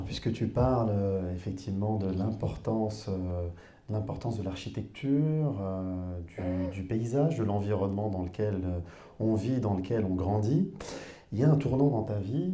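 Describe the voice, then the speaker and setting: A man interviewing an author at a public book talk, asking his questions slowly and haltingly, with many fillers. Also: on the low side, mellow, echoey room. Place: cultural centre hall.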